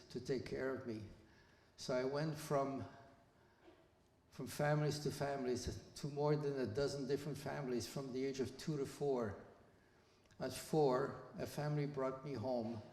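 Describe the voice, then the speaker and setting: A Belgian man of about 80 visits a school hall as a guest speaker and shares his personal testimony with students. He tells his story plainly and in a measured way, with small restarts, in a medium-pitched, slightly mellow voice. The hall's reverb makes the recording echoey.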